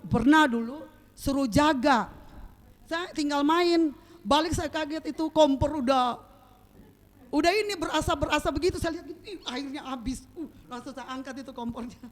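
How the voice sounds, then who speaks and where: Animated woman preaching with sound effects. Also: high voice. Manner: lively storyteller with sound effects, keeps asking the congregation "right?". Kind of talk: sermon with personal storytelling.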